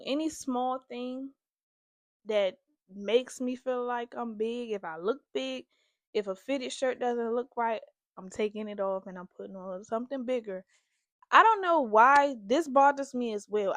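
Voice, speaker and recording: A young woman speaks candidly in a confessional vlog, earnest and emotional as she addresses her viewers directly. Her voice sits a little high, and the sound is dry and close. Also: a bit bright, dry recording. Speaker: host.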